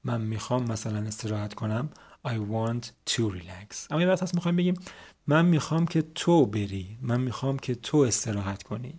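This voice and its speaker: A man whose first language is Persian, teaching English by slowly reading English sentences, spelling words letter by letter and explaining them. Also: medium pitch, animated, darkish tone, husky. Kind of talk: explaining an English text line by line.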